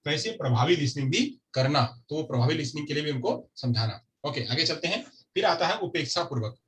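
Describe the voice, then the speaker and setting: A man's voice: fairly high pitch, lively intonation, fairly quick, fairly bright tone. A man teaching a lecture class who keeps repeating key terms and asks and answers his own questions. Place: classroom with a board.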